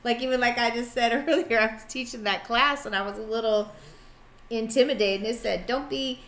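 A woman co-hosting a faith conversation, an animated storyteller who acts out the people in her anecdotes. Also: fairly high pitch, a little fast. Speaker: ministry co-host and class teacher.

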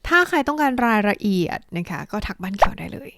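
A woman with a Thai accent teaching an English lesson, saying model sentences slowly and deliberately and adding quick asides. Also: mid-range voice, animated, fairly bright tone, dry recording, studio quality.

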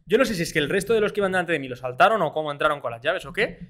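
A young man from Spain telling stories in a casual podcast chat, animated and swearing freely, sometimes mimicking other people's voices. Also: a little high, very fast. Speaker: podcast co-host.

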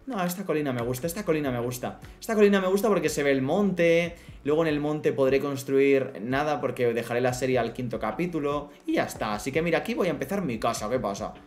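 A man's voice: on the high side, animated, fast, few pauses, soft background music. A man from streaming a block-building game, chatting playfully with his viewers and talking to his in-game pets. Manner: chatty, playful, talks to his pet horse and the chat. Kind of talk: casual live gameplay chat.

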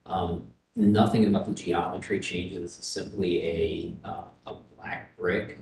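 A man presenting an architectural design at a public meeting, halting, with many fillers. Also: low-pitched, fairly even intonation, darkish tone. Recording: echoey room with faint noise.

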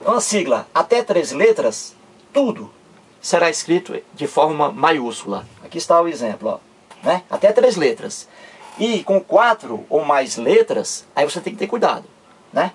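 Husky teacher, slightly high. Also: male voice, big pitch swings. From Ceará, Brazil. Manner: patient, repetitive, spells letters out slowly, frequent tag questions. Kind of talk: video grammar lesson.

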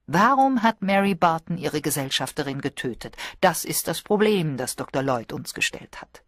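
A woman voicing a calm, distinguished older gentleman who speaks measured and composed in an audiobook. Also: low-pitched, no room sound, studio quality.

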